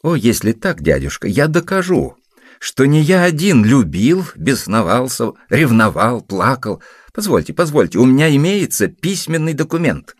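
Young male nephew, earnest and touchy, pitched up and very lively, as a male reader puts him on. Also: moderate pace, no echo, clean studio sound. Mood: pleading. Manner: pleading, insistent.

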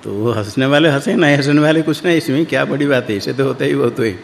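Man, mid-pitched, spiritual teacher giving a loose, repetitive discourse, Sanskrit recitation, long reverb of a big hall. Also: fast talker, vocal fry, a little hiss or hum. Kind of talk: scripture discourse in Hindi.

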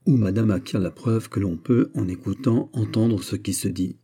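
A man reading a classic novel aloud in measured, even narration. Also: on the low side, husky. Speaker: audiobook narrator. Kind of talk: scripted literary narration.

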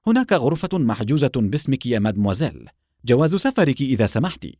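A polite, easily flustered male hotel clerk from an audiobook, voiced by a man reading. He sounds apologetic, with a lively pitch and dry close sound. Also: quick pace, no echo.

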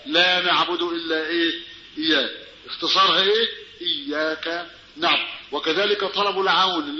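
A man with an Egyptian Arabic accent giving a religious lesson on prayer, animated and full of rhetorical questions to his listeners. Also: fairly high pitch. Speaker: preacher. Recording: dull, roomy recording with faint noise.

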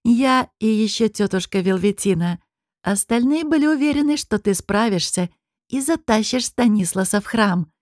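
Lady doing a smug sneering demon lord guy, mocking drawl, dark dry audiobook voice. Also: on the high side, animated, normal speed, no room sound, lightly acted. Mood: gloating. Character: sneering smug male high demon nobleman. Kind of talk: audiobook character reading.

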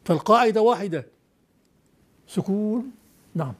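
A man with a notably high voice teaches a class on classical poetry. He fires questions at his students, then explains the rule firmly and recites the verses slowly and deliberately. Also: animated.

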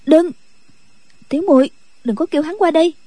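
A man's voice: very high-pitched, fairly quick, dark tone, no echo, voice pushed up. A man voicing a timid young nun who speaks hesitantly and pleads in an audiobook. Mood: frightened.

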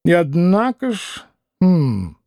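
A man's voice: high voice, huge pitch swings, slow pace, mellow, dry recording, studio quality, heavily acted. A man reading the part of a haughty, impatient male doctor who speaks in curt, clipped phrases.

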